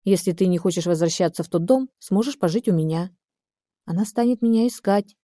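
A woman reading the part of a calm, helpful German man in an audiobook, steady and reassuring. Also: lowish voice, fairly quick, no echo, lightly acted.

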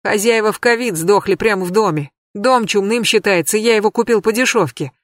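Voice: medium pitch, a little fast, no room sound, studio quality, lightly acted. An audiobook reader voicing a bitter, cornered middle-aged male criminal who swears crudely and complains. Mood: aggrieved. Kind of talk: audiobook character reading.

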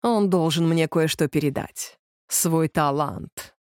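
A woman reading an audiobook, voicing an arrogant young male musician in a lower, slow, self-satisfied voice. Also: a little mellow, no echo, clean studio sound. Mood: boastful.

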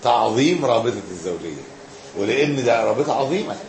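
A man with an Egyptian accent teaching a religious lesson as a sheikh, explaining and briskly answering students' questions. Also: medium pitch, expressive, a crowd in the background. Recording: echoey hall with background noise.

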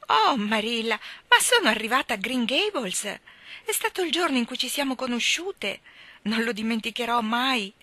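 A woman's voice: on the high side, sharp tone, no room sound. A woman voicing a chatty, imaginative orphan girl who talks eagerly and dramatically. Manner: eager, dramatic, breathless storytelling.

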